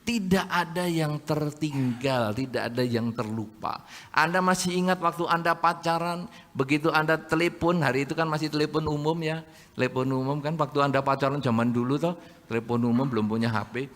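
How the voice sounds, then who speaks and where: An older man, a Buddhist monk, giving a sermon, telling lively stories and acting out quotes with humor. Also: a little high. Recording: long hall reverb.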